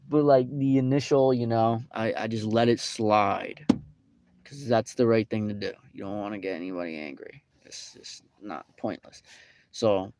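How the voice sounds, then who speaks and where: A man's voice: lowish voice, a little mellow, slight background noise. A young man casually telling a rambling, indignant story with many fillers. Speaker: vlogger. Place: fast-food restaurant.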